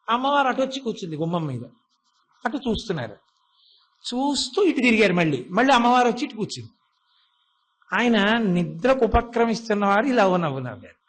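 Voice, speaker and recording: A man giving a devotional discourse. He tells a story, retells its dialogue in his own voice, and poses rhetorical questions that he then answers himself. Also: sits high. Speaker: religious discourse speaker.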